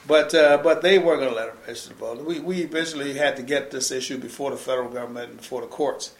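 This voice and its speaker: An older man tells his story in an oral history interview. He talks fast and emphatically, circling back with restarts as he pushes his point. His voice carries a roomy echo. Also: mid-range voice. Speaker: interviewee, former civil rights organizer.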